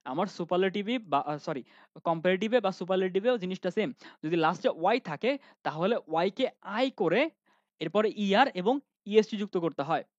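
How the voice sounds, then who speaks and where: A man's voice: sits high, animated, moderate pace, dry recording, lo-fi sound. A man teaching an online grammar lesson, often asking questions and answering them himself, with many fillers.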